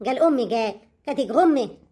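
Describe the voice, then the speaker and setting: A woman's voice: sits high, expressive, fast talker, warm tone. A woman with an Egyptian accent playing a scheming, hot-tempered peasant mother-in-law who talks sharply and indignantly. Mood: scornful.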